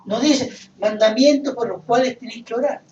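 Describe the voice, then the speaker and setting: A man preaching a sermon, asking rhetorical questions and rising into loud emphasis. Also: extremely high pitch, moderate pace, reverberant, far from the mic, muffled recording. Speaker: pastor.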